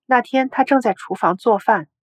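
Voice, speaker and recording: A woman narrating a story article in a steady, even storytelling read. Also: fairly high pitch, moderate pace, breathy edge, no room sound.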